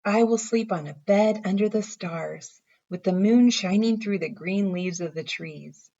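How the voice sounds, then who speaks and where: A woman's voice: medium pitch, measured pace, gravelly, dark tone. Woman reading as an eager young boy, slightly muffled. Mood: dreamy, assured. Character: young boy, eager, imaginative, earnest about his plans. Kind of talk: bedtime story read aloud.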